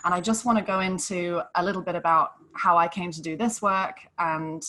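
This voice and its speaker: A young adult woman from Hong Kong, working as a depression coach, speaks on a live online panel. Her voice is on the low side, and her manner is earnest, gentle, and explanatory.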